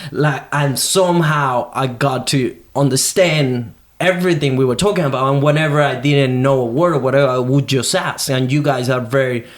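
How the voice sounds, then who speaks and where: A young native Spanish speaker with a Venezuelan accent hosts a podcast, chatting casually in a mid-range voice. He talks at normal speed with few pauses, animated and informal, full of slang and swearing.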